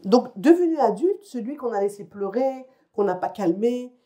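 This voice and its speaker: A psychologist addresses parents in a conference lecture, her mellow, slightly high voice expressive and at normal speed. She explains conversationally and keeps checking in with the room, which is a lecture hall or conference room.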